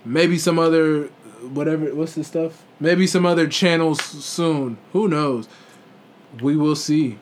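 A man's voice: fairly high pitch, steady tone, a little slow. A man co-hosting a podcast in casual, comedic chat, slangy and jokey, leaning on repeated catchphrases. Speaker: podcast co-host.

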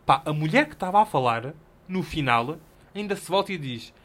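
Young male podcast host, European Portuguese accent, slangy and animated, voice sitting a touch high. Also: normal speed. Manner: animated, swearing, slangy, self-mocking. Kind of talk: casual solo storytelling.

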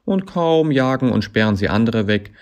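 A man's voice: deep voice, animated, extremely slow, full character voice. Man voicing a mocking talking climbing hold. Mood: bitter. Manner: dry, mocking, growing into loud accusations.

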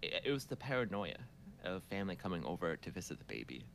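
A man tells a family story in a relaxed, chatty way, stopping and restarting as he goes and laughing often. His tone is bright and forceful and sits a little low. Faint noise hums behind him. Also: quick pace, gravelly. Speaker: parent recounting a story. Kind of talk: casual conversation.

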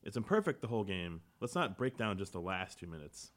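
A man co-hosting a casual sports podcast, relaxed, reading out quotes and chuckling. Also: low voice, fairly quick. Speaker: podcast co-host.

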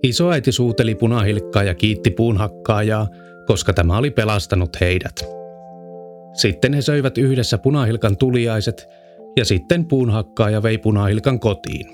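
A man reading a children's fairy tale aloud in a calm, measured storyteller's way. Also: lowish voice. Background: faint music.

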